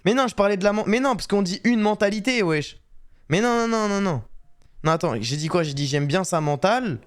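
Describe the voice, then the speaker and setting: A man's voice: high voice, expressive, brisk, clear, resonant tone. A man streaming his reactions, chatting casually in slangy, joking street talk.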